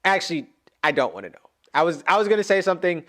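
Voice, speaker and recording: A man with a fairly high voice that swings widely in pitch, talking through his reaction to a musical. He sounds animated and emotional, often exclaiming and rambling from one thought to the next. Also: quick pace. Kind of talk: casual reaction commentary.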